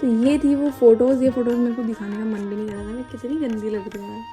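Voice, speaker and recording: A young woman from India's Uttarakhand rambles through her wedding photos in a vlog voice-over, laughing slightly, recorded separately from the pictured wedding. Her voice is a little high, steady, and mellow, and she talks fast, with clear background music behind her.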